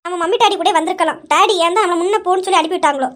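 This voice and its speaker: A woman with a very high voice performing a comedy skit. She talks fast in a chatty, complaining way. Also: fairly bright tone. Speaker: sketch actor voicing several characters.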